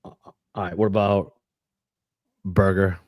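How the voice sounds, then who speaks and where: A man with a lowish voice co-hosts a casual podcast chat. He talks in a laid-back way, swears offhandedly and laughs often. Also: flat delivery, slow pace, a little mellow. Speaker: podcast co-host.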